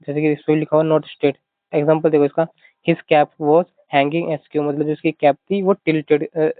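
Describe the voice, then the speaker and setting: Man, exam vocab lecture, fairly high voice, monotone, repetitive mnemonic explanations. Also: no echo. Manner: repetitive, keeps saying "theek hai", explains with mnemonics. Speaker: vocabulary teacher. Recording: thin phone-like dry audio.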